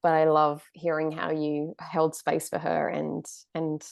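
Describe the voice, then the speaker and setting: A woman hosts a podcast interview, warmly affirming her guest and then explaining ideas at length. Her voice sits on the low side. The recording is dry and close, with no room sound. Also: monotone, a little slow, vocal fry, no echo. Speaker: podcast host.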